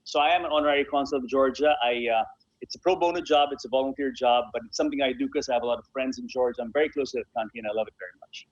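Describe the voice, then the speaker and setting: Racing along in a mid-range voice, the sports association founder and honorary consul talks emphatically in a chatty radio interview, repeating phrases for emphasis. The recording is dry and dull.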